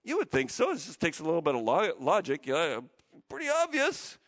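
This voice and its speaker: A man's voice: on the high side, fairly quick. A man, a pastor giving a sermon in a chatty, storytelling way. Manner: conversational, animated storytelling. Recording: long church hall reverb.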